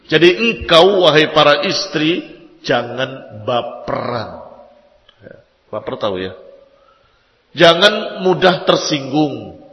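A man preaching a sermon to married women, lively and emphatic, sometimes chanting Arabic passages in a sung tone. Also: on the high side, slow pace, pauses often, muffled recording. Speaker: Islamic preacher. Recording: echoey hall reverb.

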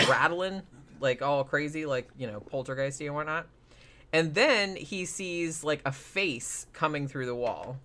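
A man's voice: a little high, fairly bright tone. A man casually retelling a paranormal TV episode as a podcast host, rambling with lots of fillers and swearing.

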